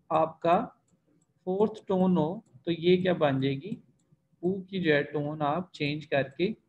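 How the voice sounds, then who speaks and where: Slow, patient man teaching a language class. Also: a little high, dull audio. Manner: slow, patient explaining, drawing out example syllables. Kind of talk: online class lecture. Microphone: online class recording.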